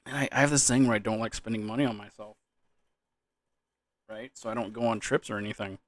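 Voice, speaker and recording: A man's voice: lowish voice, steady tone, brisk, no echo. A young man in a loose, drunken, rambling casual chat about gaming, trailing off, repeating words and swearing casually. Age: young adult. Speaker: gaming vlogger.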